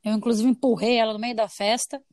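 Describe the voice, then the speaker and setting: A woman in her thirties from Brazil hosts a casual podcast chat and tells stories in an animated way, acting out what people said in shifted voices. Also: a little high, quick pace, no room sound, studio quality. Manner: animated storyteller, acts out quotes in shifted voices. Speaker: podcast host.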